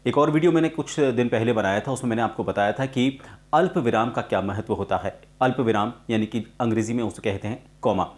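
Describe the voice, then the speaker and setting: A man teaching a spoken lesson on voice-over, with slow, deliberate pauses and frequent "uh" fillers. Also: mid-range voice.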